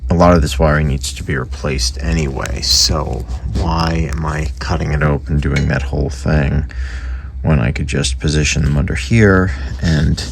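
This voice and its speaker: A man with a rumbling low, gravelly voice speaks steadily at normal speed over slight background noise. He's a radio repair hobbyist presenting a casual, unscripted workbench tutorial in a rambling, matter-of-fact, conversational style.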